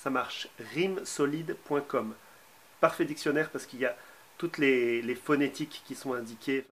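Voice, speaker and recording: A man's voice: medium pitch, normal speed. A man giving a casual songwriting tutorial, talking hesitantly with many filler sounds.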